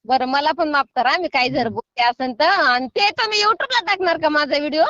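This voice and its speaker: High-pitched woman scolding over the phone. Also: animated, normal speed, sharp tone, no room sound. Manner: scolding, then pleading and apologetic. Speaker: prank call target. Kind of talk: heated phone call. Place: sitting in a field. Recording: muffled phone call.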